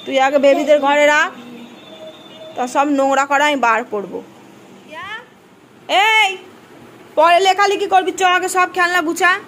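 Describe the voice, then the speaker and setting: A woman's voice: high voice, fairly even intonation, a little slow, pauses often, a bit bright, slight background noise. A young woman filming a casual family vlog, chatting with her child and the viewers, teasing and scolding by turns. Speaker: mother and vlogger.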